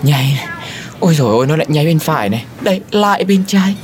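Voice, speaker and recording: A woman voicing a mild-mannered old male journalist who protests quickly and gets flustered in a comedic audio drama. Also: sits low, animated, darkish tone, slight background noise.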